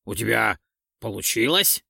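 A male audiobook reader voicing a hot-headed, foul-mouthed comrade who shouts his demands, recorded in a dry booth. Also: fairly low pitch, animated, measured pace, vocal fry, breathy edge, dry recording, heavily acted. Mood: irritated. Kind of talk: audiobook character reading.

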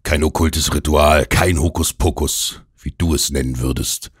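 A man's voice: extremely low pitch, fairly even intonation, a little slow, slightly rough, dry recording, clean studio sound, exaggerated voice. A man doing a feverish, domineering old uncle.

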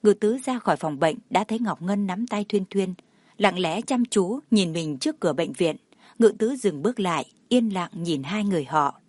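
A woman reading a novel aloud in steady, even scripted narration. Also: fairly low pitch, normal speed, no echo. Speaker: audiobook narrator.

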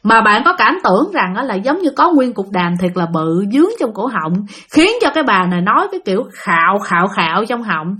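Lively Southern Vietnamese woman storyteller. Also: mid-range voice, a little fast, few pauses, husky. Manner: animated, addressing listeners directly. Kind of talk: spoken ghost story narration.

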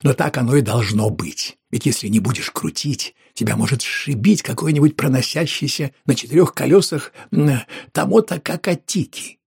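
A man narrating an audiobook in a lively, colloquial storytelling manner with a raspy voice. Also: mid-range voice, normal speed, few pauses, no echo, studio quality.

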